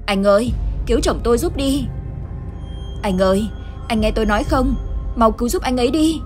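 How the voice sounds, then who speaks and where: A woman's voice: a little high, normal speed, a little mellow, soft background music, voice pushed up, lightly acted. A woman voicing a desperate middle-aged village wife who screams and pleads for help while crying. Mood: frantic.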